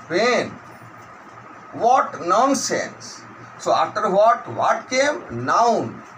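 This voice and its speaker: Man, grammar teacher, slow deliberate delivery, bright tone, faint background hum. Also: very high voice, poor audio. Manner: slow, questioning, answers his own questions. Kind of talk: recorded grammar lesson.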